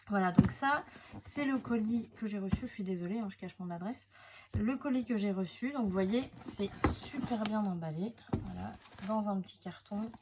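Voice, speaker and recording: A woman chatting casually to camera while unboxing craft papers, hesitant, full of fillers and self-corrections, sometimes dropping to a soft near-whisper. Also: mid-range voice, normal speed, heavy background noise. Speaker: scrapbooking crafter presenting her channel.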